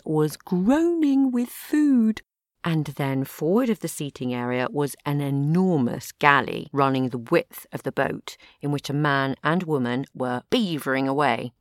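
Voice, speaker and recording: A woman's voice: deep voice, no echo. A woman narrating an audio drama in the first person with a dry, self-deprecating wit. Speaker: narrator and lead character.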